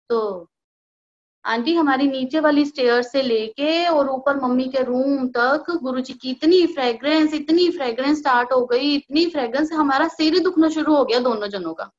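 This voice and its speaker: A young woman tells a personal devotional story in a casual, lively way, acting out the lines of the people in it. Her voice sits high. The recording sounds dull and lo-fi. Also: normal speed. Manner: animated storytelling, acting out quoted dialogue. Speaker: devotee sharing a personal experience. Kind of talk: casual spoken testimony.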